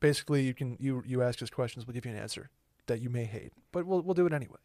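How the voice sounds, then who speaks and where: A man in his twenties co-hosts a casual podcast. He rambles in a relaxed way and often stops to correct himself. His pitch sits in the middle, and the recording is close and dry. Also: rapid-fire, dry recording. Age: 20s. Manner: loose, rambling, self-correcting. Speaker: podcast co-host.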